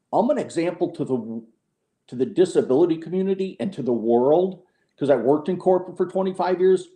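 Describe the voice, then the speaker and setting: A man's voice: mid-range voice, mellow. A middle-aged man speaking as a podcast guest, frank and a little sarcastic, often restarting his sentences. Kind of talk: candid conversational interview. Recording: echoey room.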